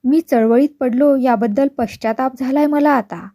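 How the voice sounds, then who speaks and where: Woman voicing a calm remorseful young son. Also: high voice, moderate pace. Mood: calm pleading. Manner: calm, pleading, quiet.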